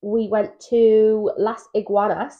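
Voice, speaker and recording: A young woman in her twenties co-hosting a couples podcast, chatting casually and telling stories with animated asides. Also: mid-range voice, slow. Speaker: podcast co-host. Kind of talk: casual chat. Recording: dull lo-fi mic sound.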